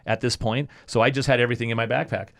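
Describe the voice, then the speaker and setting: A man's voice: mid-range voice, racing, creaky. A man, a former radio host, telling a story as a podcast guest and acting out the people in it. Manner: animated storyteller acting out quoted voices. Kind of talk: casual storytelling.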